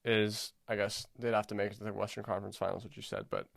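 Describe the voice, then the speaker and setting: A man with a lowish voice talks through sports in easygoing podcast chat. His talk rambles along, thick with "um" and "like". The sound is dry and close to the mic. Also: fast talker, vocal fry, a bit bright, no echo. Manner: rambling, hedging with fillers. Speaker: podcast co-host.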